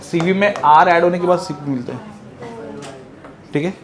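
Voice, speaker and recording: A man teaching a physics lecture, lively, firing rhetorical questions at his students and answering them himself. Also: on the high side, normal speed, a crowd in the background. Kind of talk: classroom lecture.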